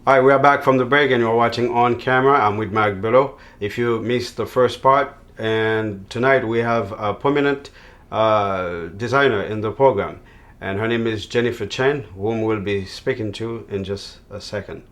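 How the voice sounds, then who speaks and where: A man hosts a television interview program, presenting and asking questions in formal, wordy language, along with promo announcements. His voice is fairly low and a bit bright, at normal speed.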